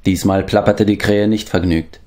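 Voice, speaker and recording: A man reading a children's fantasy novel aloud as an audiobook, in calm, even storytelling narration. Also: on the low side, normal speed. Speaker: audiobook reader.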